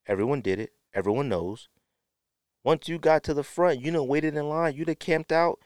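Telling a casual story on his podcast, this American host slips into slang and performs people's quotes with lots of animation. He speaks at a moderate pace in a voice on the high side, captured dry and at studio quality.

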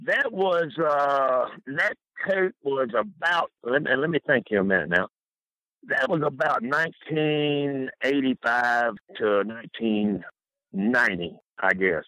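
A man's voice: medium pitch, animated, unhurried, bright, forceful tone, dry recording, low-quality recording. An older American man, rambling through folksy, colloquial anecdotes as an interview guest. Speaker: interview guest telling career stories. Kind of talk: rambling anecdotal casual talk.

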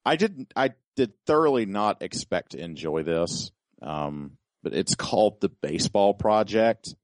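A man with a very low voice co-hosts a podcast in loose, casual chat. He rambles and repeats words as he gets going. His voice sits close and dry with no room around it. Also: expressive, unhurried, no room sound. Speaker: podcast co-host.

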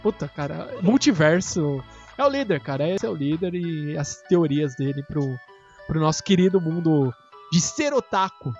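Brazilian man, co-host, playful banter, lively pitch, slightly muffled sound with soft music. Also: moderate pace. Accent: Brazilian Portuguese. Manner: playful, jokey, slangy banter. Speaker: podcast co-host. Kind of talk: casual chat.

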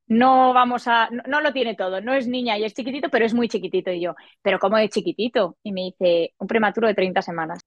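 A woman in her forties, a podcast guest, telling a personal story in a lively way and acting out the voices she quotes. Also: no echo, lo-fi sound. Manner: animated, acts out quoted dialogue in a higher voice. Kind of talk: casual storytelling.

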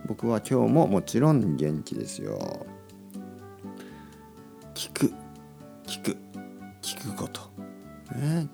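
Man hosting a learner podcast, slow and deliberate, gravelly edge, lively pitch, words repeated for emphasis. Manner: repetitive and encouraging, repeats key words many times. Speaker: podcast host teaching Japanese. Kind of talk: slow, simple Japanese for learners.

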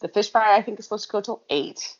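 A woman's voice: mid-range voice, fast, lo-fi sound. A woman co-hosting a casual chat, telling long rambling stories and laughing often.

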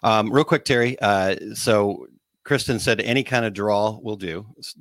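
Lower-pitched man with a Missouri twang. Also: moderate pace, a bit bright, dry recording. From Missouri, United States. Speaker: podcast co-host. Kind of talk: casual chat.

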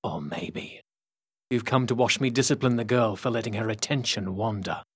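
Audiobook villain voiced by a male narrator: cruel, mocking, slow and menacing, a slightly husky voice, dry sound. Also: on the low side, lively intonation, no echo. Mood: mocking menace. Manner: taunting, slow and menacing, sometimes whispering. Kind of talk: audiobook character voice.

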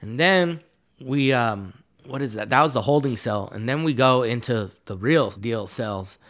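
A man's voice: mid-range voice, animated, unhurried, a bit bright. Laid-back man telling a rambling story. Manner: rambling, laid-back, profane, many fillers. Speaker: guest artist. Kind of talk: casual storytelling in a podcast interview.

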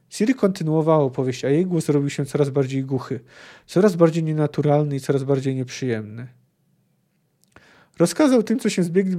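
A man's voice: fairly high pitch, dark tone. A man hosting a book podcast, reading passages and thinking aloud hesitantly, with many fillers. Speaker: podcast host.

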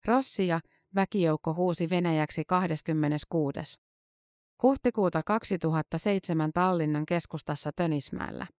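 Even, measured news article narrator. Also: medium pitch, no room sound, studio quality. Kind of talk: scripted narration of a long-form news article.

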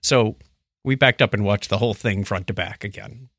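Recorded at studio quality with no echo, a man with a lowish voice co-hosts a podcast at normal speed. He talks casually about shows and spins animated stories, acting out the quotes as he goes.

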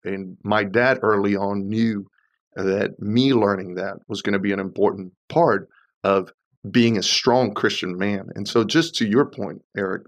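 A man on a church panel, telling a childhood story in a reflective way and filling his pauses with "uh". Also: on the low side. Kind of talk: conversational church podcast discussion.

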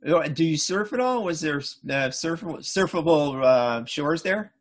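Speaking a little slowly in a fairly high, animated voice, this middle-aged man hosts a relaxed podcast interview. He's affable and chatty, constantly agreeing with "yeah"s and similar fillers.

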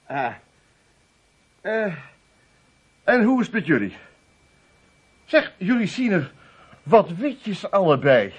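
A husband in a radio play who has had a few drinks and chuckles his way through his excuses. He speaks in a high, sing-song voice, slowly and a little husky, over a dull-sounding broadcast line. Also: very animated, full character voice. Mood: sheepish. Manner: bluffing, chuckling, flustered. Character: jovial tipsy husband coming home late. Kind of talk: studio radio play acting.

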